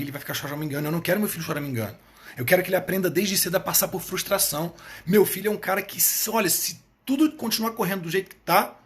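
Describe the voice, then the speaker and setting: Blunt, high-pitched man on a live stream. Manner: blunt, emphatic, repeats phrases for punch; swears casually. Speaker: live stream host, therapist coach. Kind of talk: casual monologue on a live stream.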